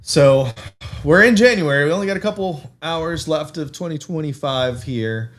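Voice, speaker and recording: A man co-hosting a casual fan podcast, thinking out loud with fillers and laughing at himself. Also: fairly high pitch, moderate pace. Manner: rambling, self-amused, thinks aloud with many fillers. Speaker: podcast co-host. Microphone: desk mic with camera, streaming live.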